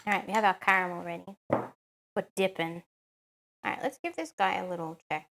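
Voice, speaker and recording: A woman's voice: fairly low pitch, normal speed, fairly bright tone, slight background noise. A woman chatting casually on a live stream while she cooks at home, answering chat with lots of "um"s.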